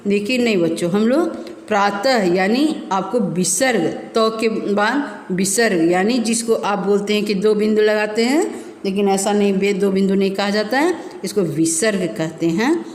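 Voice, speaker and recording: A woman teacher giving a recorded grammar lesson to children, explaining slowly and repeating terms. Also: mid-range voice, a little mellow. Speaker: school teacher. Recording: echoey room with long reverb.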